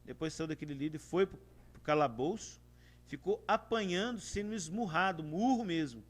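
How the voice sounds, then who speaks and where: A man with a Brazilian Portuguese accent preaching a sermon, calling his listeners "amados" and swinging widely between loud and soft. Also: normal speed. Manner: addresses listeners as "amados", animated with big swings of pitch and volume.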